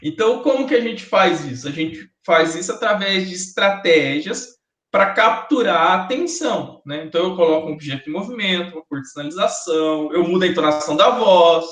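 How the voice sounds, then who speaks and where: A man's voice: high voice, fairly bright tone. A man with a Brazilian Portuguese accent giving a university classroom lecture, chatty and joking with students. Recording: echoey classroom recording.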